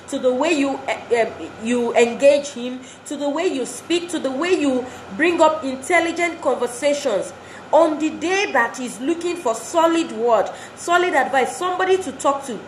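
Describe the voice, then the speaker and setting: Woman, motivational talk, earnest and repetitive, high-pitched, echoey room, faint background noise. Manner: earnest, exhorting, repeats phrases for emphasis. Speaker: speaker addressing wives.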